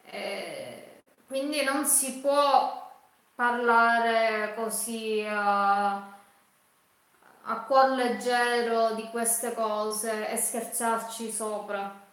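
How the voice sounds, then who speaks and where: A woman chatting casually with livestream viewers, haltingly and with repeated phrases. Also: a little high. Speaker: cooking livestream host. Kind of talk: casual live chat with viewers. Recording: very echoey room.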